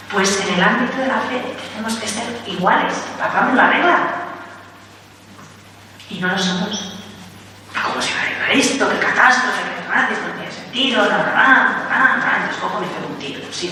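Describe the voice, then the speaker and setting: A woman with a Spain Spanish accent gives a spiritual talk, lively and storytelling, acting out little quotes. Her voice is bright and clear-toned. She is recorded from a distance in a large hall with a long, echoing reverb. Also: mid-range voice. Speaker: Carmelite nun giving a talk. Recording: echoey hall from far off, faint noise.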